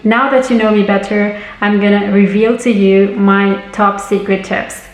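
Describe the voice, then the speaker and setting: A woman's voice: mid-range voice, fairly even intonation, measured pace, reverberant, faint music behind, low-quality recording. A young woman from Lebanon giving travel tips in a friendly, explanatory scripted vlog. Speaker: travel vlogger.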